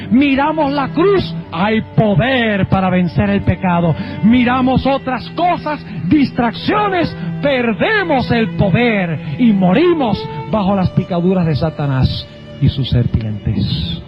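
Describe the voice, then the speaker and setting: A man preaching a sermon as pastor, dramatic and emphatic, slowing down to stress key words. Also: high-pitched, big pitch swings. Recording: dull lo-fi sound with faint music.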